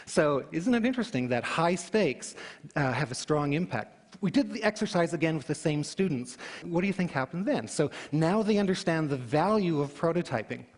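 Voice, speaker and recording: A man giving a public talk, telling it in an animated way with emphatic rhetorical questions. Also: a little high, moderate pace. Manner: animated storytelling, emphatic question-and-answer delivery. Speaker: conference speaker. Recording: hall reverb.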